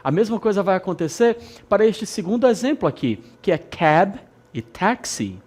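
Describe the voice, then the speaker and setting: Very animated at a moderate pace, the teacher has a medium-pitched, slightly mellow voice. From Amazonas, Brazil, she records a studio English lesson, repeating key terms and pausing to ask "ok?".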